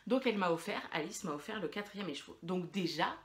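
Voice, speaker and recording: A woman's voice: fairly low pitch, animated, quick pace. A woman hosting a knitting podcast, chatting casually and rambling with many fillers and restarts. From France. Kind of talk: casual chat to camera.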